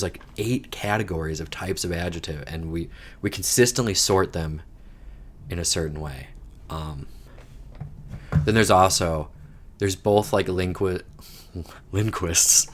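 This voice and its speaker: A man casually thinking aloud while solving a crossword, wandering into rambling asides with some mild swearing. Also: low-pitched. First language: English. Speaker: podcast host solving a crossword. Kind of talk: casual solo puzzle-solving chat.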